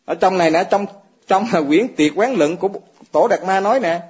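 A man's voice: sits high, fairly quick, a little mellow, breathy edge. A man giving a dharma talk to fellow monks, asking his listeners questions and chuckling often. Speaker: Buddhist monk teaching fellow monks. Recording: dull lo-fi recording.

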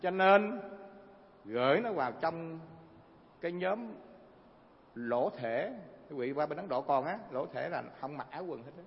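Male Buddhist preacher, gravelly and a bit high, lively storytelling sermon, dull recording in a reverberant hall. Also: unhurried, long pauses. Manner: animated, asks frequent rhetorical questions. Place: hall before a live audience.

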